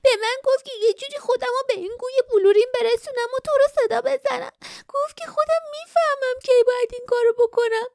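Scared lil girl voice, super high, pleading and teary, dry booth sound. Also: vocal fry, a little mellow, no room sound. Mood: urgent. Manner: urgent, pleading, tearful. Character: frightened little girl calling through a crystal. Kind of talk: audiobook character voice.

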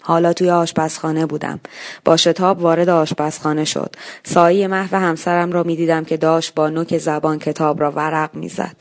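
A woman narrating a short story in a measured, calm reading. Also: deep voice.

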